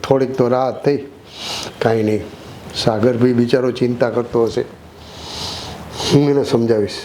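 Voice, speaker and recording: Actor as a middle-aged son, worried, calm, mellow voice, faint noise. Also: male voice, mid-range voice, normal speed, natural voice. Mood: relieved. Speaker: middle-aged son talking to his mother. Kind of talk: short film acting.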